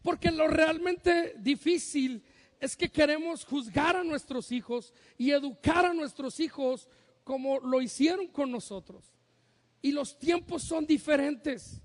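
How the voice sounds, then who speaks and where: Pastor, very high male voice, jokey preaching that acts out family voices, long church-hall reverb. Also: a little slow. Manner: humorous, acts out parents' and sons' voices. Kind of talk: sermon.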